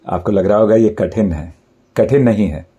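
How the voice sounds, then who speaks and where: A man teaching grammar, speaking slowly and deliberately and drawing out each sound as an example. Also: lowish voice, mellow, husky. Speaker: Hindi teacher. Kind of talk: grammar lesson.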